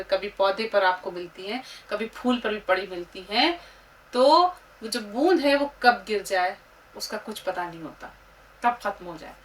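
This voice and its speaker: A woman teaches script, sounding out each letter and syllable at a very unhurried pace and now and then reciting verse. She sits some way from the microphone. A faint background noise runs under her voice. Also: medium pitch, a bit bright. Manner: spells out letters and syllables slowly, recites couplets. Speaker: Urdu teacher. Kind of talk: slow script-writing lesson. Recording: distant mic with faint room noise.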